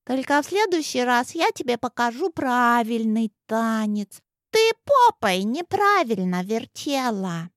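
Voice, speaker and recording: A woman's voice: fairly high pitch, sing-song, unhurried, dry recording, clean studio sound, voice pushed up. A woman voicing a small, cheerful, innocent little girl in a storybook reading, with a chirpy childlike voice. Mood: soft.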